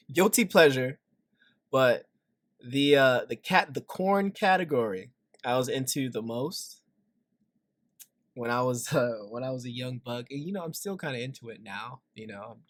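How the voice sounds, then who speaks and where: A man's voice: mid-range voice, no room sound. Joking man giving dry, close commentary. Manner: joking, confiding asides, frequent "right?". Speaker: reaction video host. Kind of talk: casual reaction commentary.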